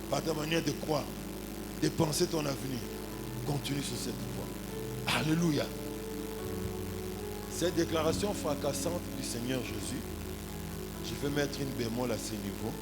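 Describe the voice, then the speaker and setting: The audio is poor as a pastor in his forties, speaking at a medium pitch with a Congolese accent, gives a lively sermon. He tells anecdotes, speaks to the congregation, and stresses points through exclamations and rhetorical questions.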